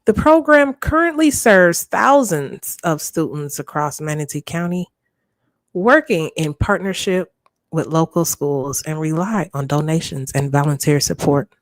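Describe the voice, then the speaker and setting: A woman's voice: low voice, a little slow, no room sound. A woman hosting a gossip reaction channel, reading aloud and commenting casually.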